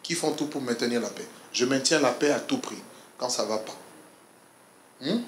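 A man leading an interactive church seminar on couples, quizzing his audience in an animated, laughing way. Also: mid-range voice, moderate pace, slight background noise. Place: church hall. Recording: echoey church hall.

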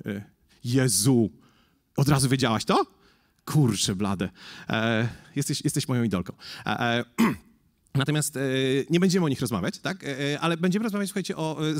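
A man's voice: medium pitch, expressive, fairly quick. A man giving a casual conference presentation, chatty and jokey, often asking the audience questions and talking with many fillers. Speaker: conference speaker.

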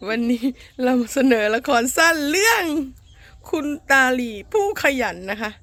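A woman's voice: high voice, sing-song, normal speed, a bit bright, no echo. A woman hosting a homemade comic skit outdoors, narrating in a playful, mock-earnest documentary manner with polite sentence endings. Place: outdoors in a rural garden. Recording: noisy outdoor amateur recording.

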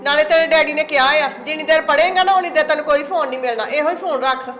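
A woman playing a scolding, sharp-tongued mother who talks down her son fast in a home-made family skit. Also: high voice. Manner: scolding, rapid. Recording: echoey room, faint music.

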